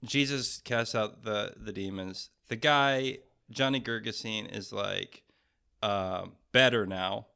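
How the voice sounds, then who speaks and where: A man's voice: on the low side, slow, creaky, sharp tone, clean tone. A man co-hosting a podcast in casual, jokey banter, laughing often and acting out quotes in offhand voices. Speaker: podcast co-host. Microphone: wireless headphones.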